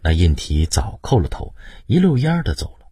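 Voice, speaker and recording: A man's voice: brisk, slightly rough, no echo. A middle-aged man narrating a historical novel as an audiobook, telling it expressively. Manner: expressive storytelling with sweeping pitch.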